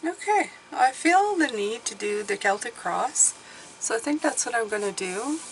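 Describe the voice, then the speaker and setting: A woman giving a casual mystical horoscope card reading as a tarot reader, musing and pausing as she thinks aloud, indoors at a table. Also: fairly high pitch, lively intonation, background noise. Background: soft classical music.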